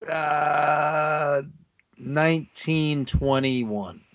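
A man's voice: fairly high pitch, drawn-out words, fairly bright tone, lo-fi sound. A man co-hosting a podcast, chatting casually about football, laid-back and laughing easily, with frequent restarts. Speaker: podcast co-host. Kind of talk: casual sports chat.

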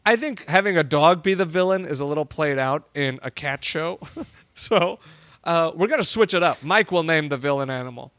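A high-pitched man chatting on a comedy podcast. He presses his case and breaks into laughter. The sound is dry and close. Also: animated, moderate pace, a bit bright, no echo. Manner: insistent, laughs often. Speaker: podcast co-host. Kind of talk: casual comedic chat.

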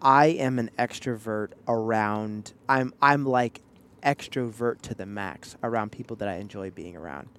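A man's voice: fairly low pitch, moderate pace, a bit bright, clear, resonant tone. Playful man in casual podcast chat. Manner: teasing, playful storytelling with acted-out quotes. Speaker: podcast co-host.

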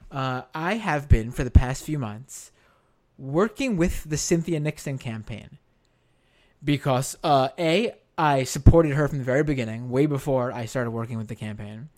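An American man with a hoarse, worn-out voice hosts a live stream, talking casually and haltingly, repeating phrases for emphasis. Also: fairly high pitch, a little mellow. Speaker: live stream show host.

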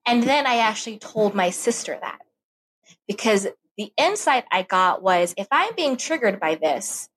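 A woman talking as a podcast guest, candid and animated, giving advice and telling personal stories. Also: mid-range voice, unhurried, husky. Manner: animated, acts out her inner voice when telling stories.

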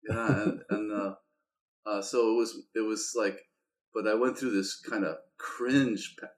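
A man's voice: lowish voice, steady tone, measured pace. A middle-aged man in casual conversation, talking reflectively about himself and laughing often.

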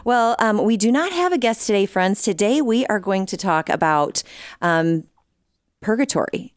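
A woman's voice: mid-range voice, animated, normal speed, dry recording. A middle-aged woman hosting a radio talk show, chatting casually in a studio and laughing easily.

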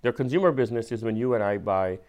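A man's voice: fairly low pitch, darkish tone. Patient man with an Indian accent. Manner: patient, measured explanations with occasional slowed emphasis. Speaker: venture capitalist. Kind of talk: explaining in casual conversation.

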